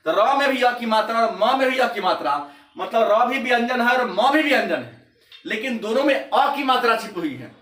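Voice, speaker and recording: A male teacher with a very high, bright and forceful voice. He gives a classroom grammar lesson and repeats his definitions slowly so students can copy them. The sound is roomy and echoey, picked up from some distance. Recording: echoey room, mic at a distance.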